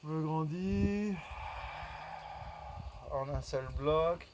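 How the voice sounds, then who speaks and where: A man's voice: a little high, very slow, noisy background. A man leading a floor exercise class, guiding breathing and repeating cues rhythmically as he counts. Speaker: fitness instructor. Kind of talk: guided workout instruction.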